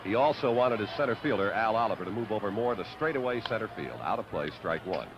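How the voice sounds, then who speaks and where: A man's voice: fairly low pitch, lively intonation. Vintage baseball announcer, man, noisy old broadcast. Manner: classic baseball announcer delivery, measured calls. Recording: dull, noisy vintage 1970s broadcast audio. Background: loud stadium ambience and noise.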